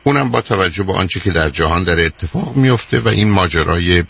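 A man's voice: sits low, expressive, gravelly, fairly bright tone, slightly rough. An older man hosting a radio call-in advice show, talking emphatically and repeating his points, calling the caller dear.

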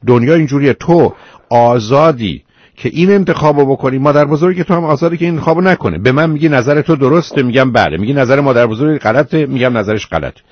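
A man with a husky, slightly breathy voice hosts a call-in advice program. He lectures patiently but firmly, pressing his points home. The sound is dry and muffled like an old broadcast. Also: mid-range voice, no room sound. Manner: lecturing, patient but firm, calls caller 'dear'. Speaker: radio advice host.

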